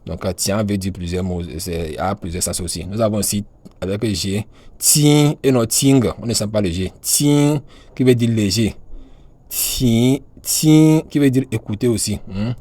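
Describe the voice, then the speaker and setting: A man giving a calm, hesitant pronunciation lesson, with many fillers and hums between words. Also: fairly low pitch, normal speed, breathy edge, no room sound. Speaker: language teacher.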